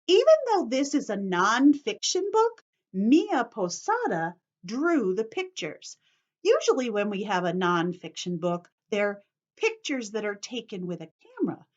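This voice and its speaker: A woman teacher reads aloud to young children in a mid-range voice with big pitch swings, at a measured pace. She explains things simply, asks them questions as she goes, and uses simple repetition to instruct them, all in slightly dull lo-fi sound.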